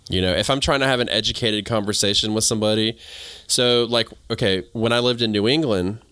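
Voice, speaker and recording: A man's voice: fairly low pitch, a little fast, pushed and bright, clean tone, dry recording, clean studio sound. A man with a Southern US accent and drawl, chatting casually in a folksy, slangy way as a podcast co-host. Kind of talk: casual chat.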